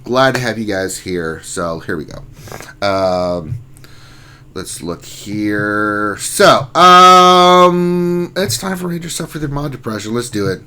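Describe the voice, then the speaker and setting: Man, stream host, bright forward voice, casual jokey chat reading. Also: medium pitch, a little hiss or hum. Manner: reads chat names aloud, joking and teasing. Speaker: livestream host.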